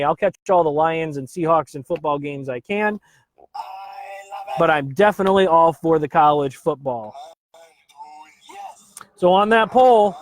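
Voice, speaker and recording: Live streaming from home, a chatty man whose voice sits a touch higher than most men's keeps the casual chat upbeat. He greets viewers by name and slips easy uhs between thoughts, and the sound is close and dry with no room sound.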